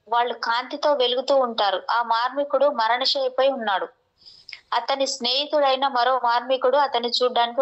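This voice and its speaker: A woman with a high voice reads a translated spiritual discourse as steady scripted narration, occasionally restarting a line. The sound is lo-fi.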